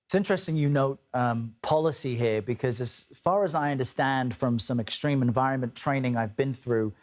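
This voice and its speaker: A man with a medium-pitched voice anchors a live news interview. His delivery is measured and formal as he frames questions for a guest.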